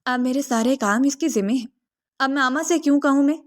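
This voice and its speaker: A woman's voice: high voice, lightly acted. A woman voicing a possessive, impatient young husband in a read-aloud romance story, talking in a demanding, complaining way.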